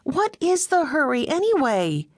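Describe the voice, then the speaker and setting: A woman's voice: high-pitched, sing-song, a little slow, dry recording, studio quality, voice pushed up. A woman narrator voicing a spirited young woman who scolds and teases in a wry way. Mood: scolding.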